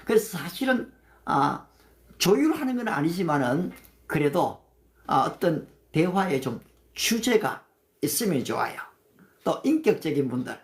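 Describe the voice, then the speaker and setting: A man as a pastor preaching conversationally on a livestream, asking his listeners questions and mixing in English scripture. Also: on the high side. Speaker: pastor leading a livestream prayer meeting. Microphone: phone livestream mic.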